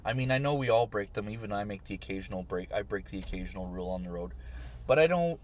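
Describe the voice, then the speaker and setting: A man's voice: lowish voice, level tone, very fast, a little hiss or hum. A man, short on sleep, ranting on his vlog, swearing and irritated. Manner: swearing, ranting, rising to shouts. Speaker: vlogger.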